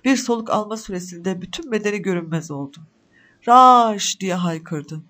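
A man narrating a story aloud with measured, dramatic pacing. His voice sits notably high for a man, and he reads each line with care.

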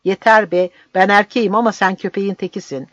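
A man voicing a cruel, mocking soldier who shouts and taunts, on a dull, dry recording. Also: sits high, fairly even intonation, a little fast, dry recording, voice pushed up. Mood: taunting. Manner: jeering, shouting.

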